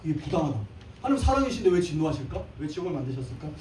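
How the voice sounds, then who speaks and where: Male preacher, thirties, high mellow voice, joking live sermon, distant echoey church mic, faint hum. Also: big pitch swings, rapid-fire. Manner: playful, acts out little scenes and jokes. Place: church sanctuary.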